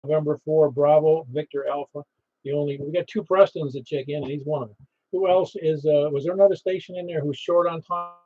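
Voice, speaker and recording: A man with a slightly high voice hosts a casual ham radio net. He rambles in a chatty way, and the sound is a little dull. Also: fairly even intonation, a little fast. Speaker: amateur radio net host. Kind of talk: casual net hosting with call signs.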